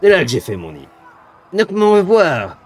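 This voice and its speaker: A man voicing a ravenous demon from a video game, a haughty dark lord who taunts with drawn-out, mocking menace. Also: high voice, huge pitch swings, voice pushed up, exaggerated voice. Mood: gloating threats. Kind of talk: dramatic video game villain read aloud.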